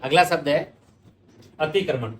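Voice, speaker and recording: A man's voice: fairly high pitch, unhurried, echoey room. A man teaching spelling for exams, patiently repeating words and answering his own questions. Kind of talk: exam-prep lesson.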